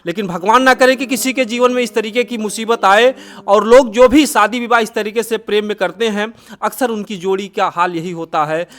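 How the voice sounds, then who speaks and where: A man's voice: sits high, normal speed, few pauses, a bit bright. A man interviewing a woman for a news-style video, talking in an earnest, sympathetic way.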